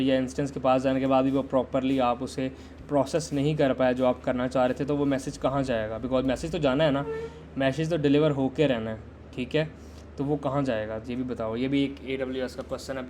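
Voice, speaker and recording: Flat-voiced man teaching system design. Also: medium pitch, a little hiss or hum. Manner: conversational, quizzes viewers and waits for chat answers. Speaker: tech instructor. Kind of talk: live-streamed system design lesson.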